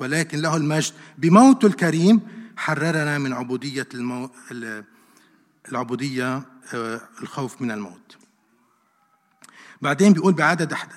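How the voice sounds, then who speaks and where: Male preacher, fairly high voice, animated sermon full of rhetorical questions, hall reverb. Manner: animated, rhetorical questions, repeats verses for emphasis.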